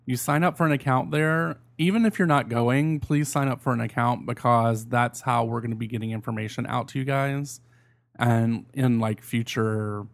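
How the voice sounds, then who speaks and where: A man chats casually as a podcast host, blunt and a little salty. His voice is average in pitch with plenty of fry, recorded very dry. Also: steady tone, moderate pace, no room sound. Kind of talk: casual chat.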